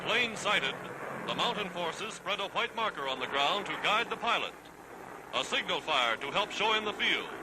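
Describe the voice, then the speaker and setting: A man narrating a 1940s newsreel in an emphatic, dramatic announcer style, over loud orchestral music. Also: sits high, very animated, normal speed, very noisy. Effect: old newsreel narration.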